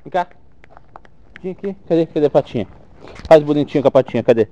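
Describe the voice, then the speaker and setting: A man's voice: on the high side, lively intonation, quick pace, dark tone, highs cut off. Man coaxing a pet in playful baby talk. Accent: Brazilian Portuguese. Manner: coaxing, playful, sing-song repetition. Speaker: pet owner.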